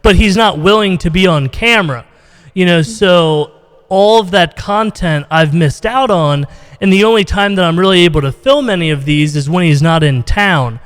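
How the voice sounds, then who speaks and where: A high-voiced American man from Ohio hosts a casual podcast interview over video call, rambling informally and saying "you know" a lot. He speaks smoothly at a normal pace from a reverberant indoor room with long reverb.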